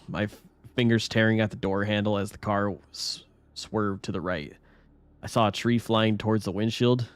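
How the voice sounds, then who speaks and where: A man streaming himself reading a horror story aloud in a casual way, often stumbling and restarting his sentences. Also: on the low side.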